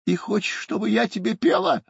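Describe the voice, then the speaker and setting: Audio-play casting: a stubborn scolding turtle, high and lively, slightly dull sound. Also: female voice, brisk, vocal fry, breathy edge, no echo, heavily acted. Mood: indignant. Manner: indignant, scolding. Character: big stubborn female turtle.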